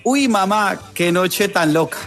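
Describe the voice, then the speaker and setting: A man hosts a radio show with a high, sing-song announcer voice and a jokey manner. Music plays clearly behind his talk in the studio. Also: lively intonation, measured pace, fairly bright tone. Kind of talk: casual radio banter.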